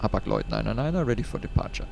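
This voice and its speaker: Gravelly man making pilot radio calls. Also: on the low side, lively intonation, rapid-fire, a little mellow, slight background noise. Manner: clipped radio phraseology. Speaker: flight sim pilot. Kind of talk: pilot radio readbacks into a headset mic.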